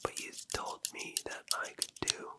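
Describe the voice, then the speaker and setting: Playing a barber in a haircut scenario, an ASMR creator speaks in a gentle, teasing, breathy whisper. The pace is leisurely, and a close-up ASMR microphone catches every sound.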